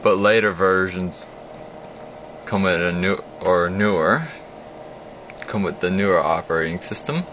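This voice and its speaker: Sitting low in pitch and a bit bright, a young man's voice moves at a measured pace with long pauses. He gives a rambling, offhand demo of an old computer, explaining his clicks from a home desk. Captured by a phone aimed at the screen, the sound is dull and lo-fi with a hum.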